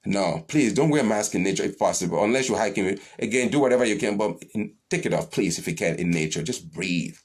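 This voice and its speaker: A man delivers a live-streamed spiritual teaching and answers questions as they come in. He is blunt and animated, swears freely, and his voice leaps upward whenever he stresses a point. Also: on the low side, fast, few pauses.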